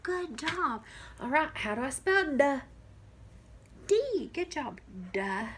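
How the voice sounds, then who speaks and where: A young woman teaching kindergarten phonics, sounding out letters slowly and praising the children. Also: high voice, expressive, sharp tone, slight background noise. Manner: slow, encouraging, sounds out letters.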